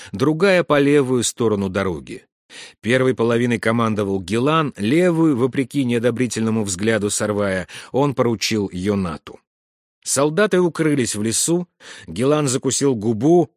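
A man reading a war story aloud in measured scripted narration, dropping to a hush for whispered lines. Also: medium pitch, no room sound, clean studio sound. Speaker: audiobook narrator.

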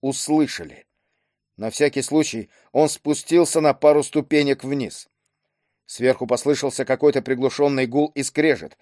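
Male audiobook reader, measured storytelling, dry recording. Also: mid-range voice, steady tone, a little mellow, no echo. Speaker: narrator. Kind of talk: audiobook narration.

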